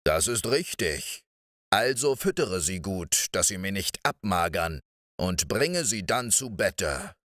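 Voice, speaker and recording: A man doing a huge, man-eating giant who growls low and drags out every word. His voice is deeper and rougher than the reader's own, and the sound is close and dry. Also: big pitch swings, fairly bright tone, dry recording, full character voice. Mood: gruff. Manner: slow, menacing growl.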